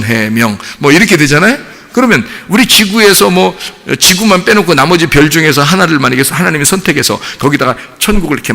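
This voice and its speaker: A man's voice: medium pitch, vocal fry, sharp tone. A man preaching a sermon as a pastor in a church, talking conversationally and asking the congregation questions. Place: church sanctuary. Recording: long hall reverb.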